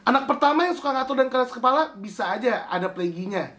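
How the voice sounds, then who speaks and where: A young man hosting a casual chat, answering viewer questions with animated swings in pitch. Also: fast. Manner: animated, jumps pitch to read questions aloud.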